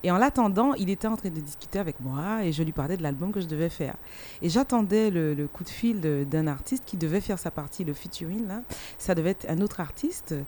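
A woman's voice: on the low side, a little fast, a little hiss or hum. A woman who is a singer, pianist and vocal coach, telling a story in an interview and laughing easily. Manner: laughs easily, animated when amused.

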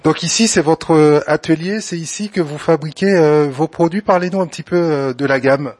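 A man's voice: fairly high pitch, normal speed, darkish tone, no echo. A man interviewing a business owner, asking questions hesitantly with frequent fillers.

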